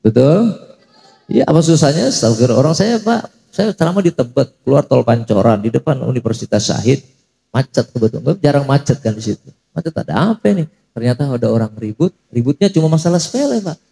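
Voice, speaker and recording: A man's voice: medium pitch, lively intonation, brisk, vocal fry, warm tone. A man giving a humorous mosque sermon, telling jokey stories and chanting prayers. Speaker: preacher. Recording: echoey mosque hall.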